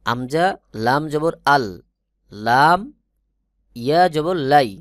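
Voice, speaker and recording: Bangladeshi guy teaching quran reading, slow careful spelling, kinda high voice, dry close sound. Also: no echo. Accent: Bangladeshi Bengali. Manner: spells syllables slowly, then recites them in a slow chanted melody; explains rules in quick, soft speech. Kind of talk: Quran recitation lesson, spelling letters aloud.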